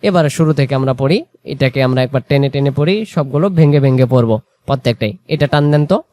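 A man teaching Quran reading, drawing out example words slowly and then explaining quickly, asking and answering his own questions. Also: mid-range voice, darkish tone. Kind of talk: explanatory lesson.

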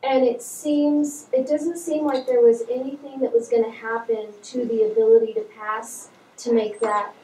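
A woman's voice: fairly high pitch, flat delivery, moderate pace, few pauses, mellow, a little hiss or hum. A woman from the audience at a town hall, earnestly describing a passing problem near her home in detail. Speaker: resident asking a question. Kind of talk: public comment at a town hall. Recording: roomy, distant mic pickup.

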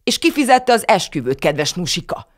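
A woman's voice: extremely low pitch, sing-song, full character voice. A woman voicing an indignant old grandfather in an audiobook. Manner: sharp, snapping.

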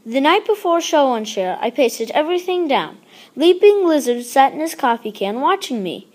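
Reading a picture book for children, a high-pitched woman keeps a normal speed. Her delivery is animated, and she acts out every exclamation and bit of dialogue.

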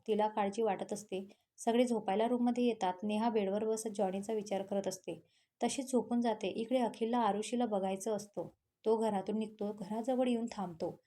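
A woman narrating a romantic story, reading in a steady, even way. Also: fairly high pitch.

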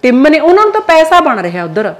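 A middle-aged woman from Punjab speaks quickly in a somewhat high voice, giving blunt and earnest advice as a guest. She sounds like a mother warning other families. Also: very animated. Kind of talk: casual interview talk.

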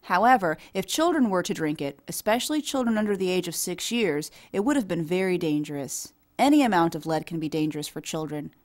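A woman reading an English voice-over for a signed conversation, explaining things in a steady storytelling way. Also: on the low side, brisk, few pauses. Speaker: voice-over for a signing speaker. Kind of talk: scripted dialogue voice-over.

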